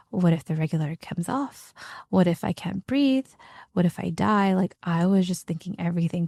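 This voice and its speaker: Warm, candid woman podcaster. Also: lowish voice, no room sound, studio quality. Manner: candid and chatty, acts out her own inner dialogue. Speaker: podcast host. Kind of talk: solo podcast monologue.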